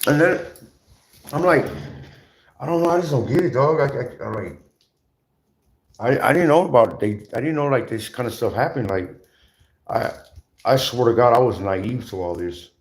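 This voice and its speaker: A medium-pitched man with lively intonation rants casually during his livestream. It's a rambling, repetitive stream full of slang and profanity, broken up by halting restarts.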